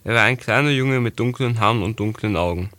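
Low-voiced man reading a storybook. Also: fairly quick, sharp tone, dry recording. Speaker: audiobook narrator. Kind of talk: first-person storybook narration.

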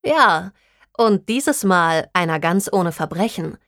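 A woman voicing a female detective agency owner who speaks in a polite, measured, businesslike way in a storybook reading. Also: on the low side, animated, fairly bright tone, dry recording, clean studio sound, heavily acted.

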